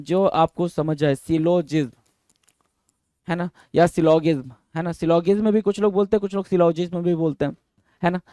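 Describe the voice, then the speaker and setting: A man's voice: high-pitched, a little mellow, dry recording, clean studio sound. A man teaching a vocabulary lesson for exam prep, quizzing students and spelling words out letter by letter. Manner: reads English definitions slowly.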